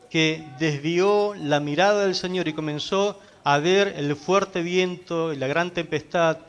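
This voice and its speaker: A man pastor preaching a sermon, emphatic, asking the congregation rhetorical questions. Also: high voice.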